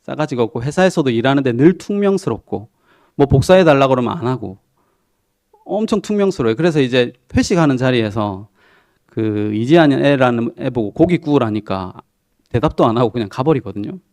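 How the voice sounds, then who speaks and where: A man's voice: mid-range voice, animated, fairly quick, darkish tone, dry recording, studio quality. A man who is a pastor, preaching a sermon in a conversational storytelling way and asking the congregation questions. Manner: storytelling, retelling a TV drama with quoted lines. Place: church sanctuary.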